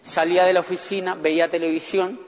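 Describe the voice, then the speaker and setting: A man, telling his own story to an audience in an animated way and acting out his past thoughts. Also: high-pitched, brisk. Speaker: motivational speaker. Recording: dull, echoey hall recording.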